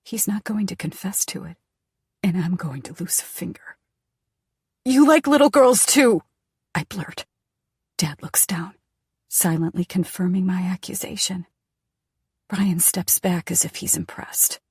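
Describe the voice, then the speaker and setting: A woman narrating a first-person thriller audiobook in a tense, hushed voice that often drops near a whisper. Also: lowish voice, steady tone, unhurried, husky, no room sound, studio quality.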